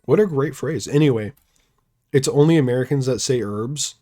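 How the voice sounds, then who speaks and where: Young male streamer, loose rambling commentary with a dry sarcastic edge, average pitch. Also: brisk, mellow. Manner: wry, sarcastic rambling asides. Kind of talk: casual live-stream gameplay chatter.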